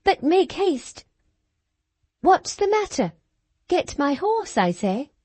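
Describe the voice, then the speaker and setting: A proud, spoiled young girl who orders people about in a high, indignant voice, as a woman narrator puts her on. She sounds much higher than the reader's own voice, and she talks slowly. It is a dry, close storybook reading. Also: big pitch swings, a little mellow, no echo. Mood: imperious. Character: spoiled imperious young girl, haughty and tearful.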